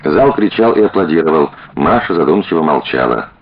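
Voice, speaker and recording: A man narrating an audiobook in a measured storytelling manner. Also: very deep voice, lively intonation, slightly rough. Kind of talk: scripted narration. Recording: dull lo-fi audiobook recording.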